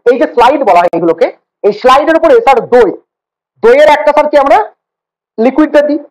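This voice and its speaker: Fast-talking, teasing male teacher. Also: very high-pitched, poor audio. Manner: teasing, joking banter with students; rapid, repetitive explaining with fillers. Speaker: biology teacher. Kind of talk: casual online class lecture.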